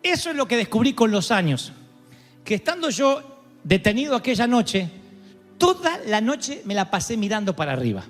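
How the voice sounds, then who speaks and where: A man preaching a sermon as pastor, swinging from cries to soft, slow emphasis. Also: high-pitched, very animated. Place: large church hall. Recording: live church sermon with long reverb and faint music.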